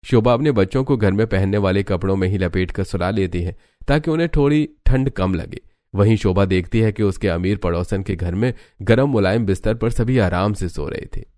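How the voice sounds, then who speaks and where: A man narrates a cartoon moral story in a steady, matter-of-fact tone. His voice is low and recorded dry and close. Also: fairly quick, no room sound.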